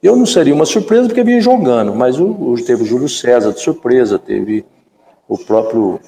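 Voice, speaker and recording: Brazilian man in his fifties, former player as guest, animated storyteller, gravelly mellow voice, echoey room with long reverb. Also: mid-range voice, fairly quick, a little hiss or hum. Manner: animated storyteller who acts out quoted dialogue. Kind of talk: storytelling in a live chat.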